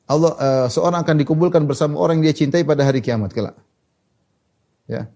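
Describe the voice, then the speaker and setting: Man, preacher, hadith lecture, rapid delivery, warm mellow tone. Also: medium pitch. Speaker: Islamic preacher.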